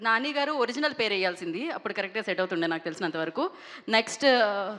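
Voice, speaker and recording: A woman's voice: medium pitch, lively intonation, racing, fairly bright tone, in a large hall. A woman hosting a film event on stage, upbeat and mixing in English. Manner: upbeat, mixes Telugu and English. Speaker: event host.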